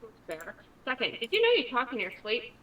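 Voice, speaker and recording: A woman's voice: on the high side, wildly swooping pitch, brisk, a bit bright, poor audio. A woman playing a tabletop role-playing game, switching between casual table talk and speaking for her character.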